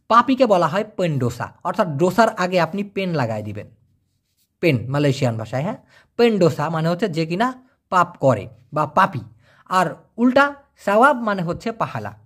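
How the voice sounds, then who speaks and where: A man talks through a casual language lesson. His pitch swings up and down lively as he repeats each phrase slowly, then translates it. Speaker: Malay language teacher.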